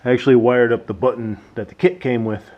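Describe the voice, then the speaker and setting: Casting: man, informal DIY car builder thinking aloud in a workshop, mid-pitched voice, lo-fi noisy sound. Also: fairly even intonation, fast talker. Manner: informal, thinking aloud while working with his hands. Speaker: DIY car builder presenting his project. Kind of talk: casual hands-on how-to commentary. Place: workshop at a workbench and beside a truck. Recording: dull lo-fi audio with clear noise.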